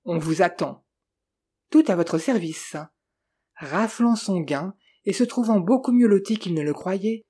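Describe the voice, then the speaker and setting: A narrator reading a novel aloud in an even, measured way. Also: medium pitch, slightly rough. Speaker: audiobook narrator.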